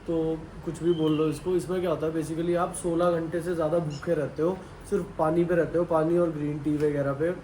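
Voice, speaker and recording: A man's voice: on the high side, flat delivery, fairly quick, few pauses, dark tone. Young man chatting in a roomy space. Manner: chatty, explaining, teasing. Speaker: vlogger. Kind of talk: casual chat. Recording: roomy sound with faint noise.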